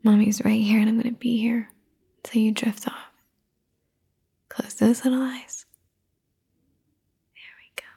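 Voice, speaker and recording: A woman in an ASMR caretaker roleplay, speaking softly and soothingly, often in a whisper, close to the microphone. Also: on the high side, little pitch movement, a little slow, creaky, long pauses, breathy edge.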